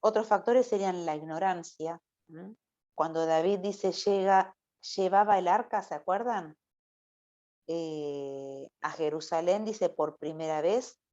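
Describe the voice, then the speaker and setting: A woman gives an informal Bible talk to young church members. Her voice sits fairly low, and she keeps checking in with her listeners by tagging her phrases with a questioning "no?". The recording is muffled and lo-fi. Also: slow pace, warm tone. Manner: conversational, ends phrases with a questioning "¿no?". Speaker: church youth preacher. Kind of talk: informal Bible teaching sermon. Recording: dull lo-fi recording.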